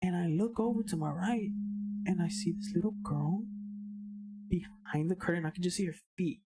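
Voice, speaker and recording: A podcast guest tells a story in casual conversation, animated, swearing a lot and slipping in Spanish slang. His voice is high-pitched at normal speed, and the recording is very noisy.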